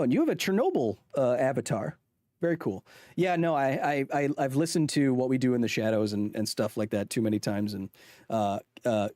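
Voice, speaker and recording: A man whose voice runs on the low side and sounds warm gives casual stream commentary on a chart, rambling in a put-on Australian accent with lots of restarts and self-corrections. The recording is dry and studio quality.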